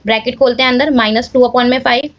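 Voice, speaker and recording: A woman's voice: on the high side, steady tone, quick pace, no echo, muffled recording. A woman teaching maths step by step in a casual manner, often checking in with viewers. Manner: casual, addresses viewers as guys, checks with "clear?".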